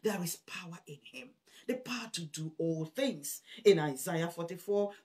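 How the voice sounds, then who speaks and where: A woman's voice: fairly low pitch, lively intonation, normal speed. A woman preaching a fervent sermon, reading scripture aloud, repeating phrases for emphasis and calling her listeners brethren. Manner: fervent, repeats phrases, swells loud on scripture, drops soft on asides.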